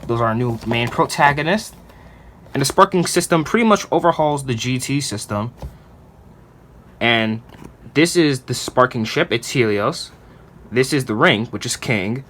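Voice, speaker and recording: A man's voice: medium pitch, lively intonation, a little slow, long pauses, fairly bright tone. Chatty young-sounding man unboxing toys. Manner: chatty and enthusiastic, loose with fillers. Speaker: toy unboxing YouTuber. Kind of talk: casual unboxing and review.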